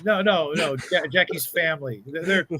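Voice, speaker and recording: Bright, stammering man on a stream. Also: on the high side, normal speed, a little hiss or hum, rough recording. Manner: stammering, repeating words. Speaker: live stream co-host. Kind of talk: casual chat on a live stream.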